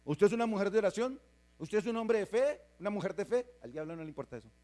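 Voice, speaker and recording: A man's voice: high-pitched, expressive, fast, a little mellow. A male pastor, delivering an emphatic sermon in a church and putting rhetorical questions to the congregation. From Colombia.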